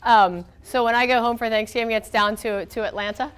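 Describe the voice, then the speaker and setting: Speaking a little fast in a fairly high, steady voice, this woman has a fairly bright, clean tone despite the cold that weakens it. She's from the southern US and is teaching physics informally. Her manner is conversational, with frequent "okay" and "all right" check-ins to her class.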